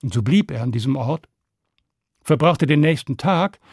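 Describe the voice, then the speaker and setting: A man telling a fairy tale to children, calm and deliberate, sometimes speaking to the listeners directly. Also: fairly high pitch, breathy edge, no room sound, studio quality. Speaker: storyteller.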